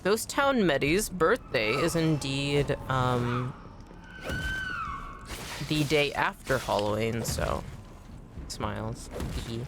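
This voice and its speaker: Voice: medium pitch, lively intonation, slow pace, pauses often, background noise. A game streamer chatting casually while playing, rambling and repeating words for emphasis. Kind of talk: casual chat while gaming.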